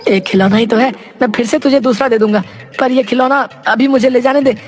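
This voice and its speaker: A voice actor playing a dim-witted, soft-hearted male apprentice thief who pleads and whines to his boss in a cartoon. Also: medium pitch, steady tone, a little fast, faint music behind, pitched above the performer's own voice, lightly acted. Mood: pleading. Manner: pleading, whiny, humble, calls the boss sir. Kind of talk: cartoon voice acting.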